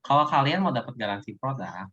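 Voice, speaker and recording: A man giving a casual sales coaching talk, lively, acting out sales pitches to his audience. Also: fairly quick. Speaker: business presenter. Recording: dull lo-fi recording.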